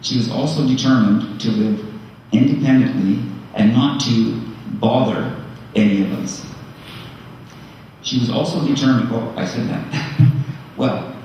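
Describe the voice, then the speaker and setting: Older man, son's eulogy, unhurried, hesitant, wry; distant roomy recording. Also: mid-range voice, lo-fi sound, a little hiss or hum. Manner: halting with fillers, gently joking. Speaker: son giving a eulogy. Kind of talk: memorial eulogy. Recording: echoey hall from far off.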